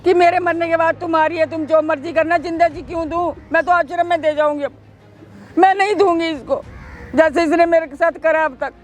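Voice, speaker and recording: A woman's voice: very high voice, fairly even intonation, fairly quick, faint music behind. Woman playing a bitter old mother-in-law. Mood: complaining. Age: older. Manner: complaining, self-pitying. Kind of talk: staged street confrontation skit. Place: outdoors in a park.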